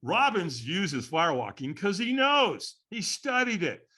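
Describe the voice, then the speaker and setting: A man tells a story on a podcast with a bright, slightly husky voice. His pitch climbs and falls all over the place as he acts out the people he quotes. He laughs often between his lines. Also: big pitch swings, measured pace. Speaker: guest, firewalking instructor. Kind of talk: animated storytelling in a podcast interview.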